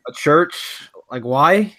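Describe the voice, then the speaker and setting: A man co-hosting a gaming podcast in casual chat, talking excitedly and restarting his sentences when hyped. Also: on the high side, slow pace. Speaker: podcast co-host.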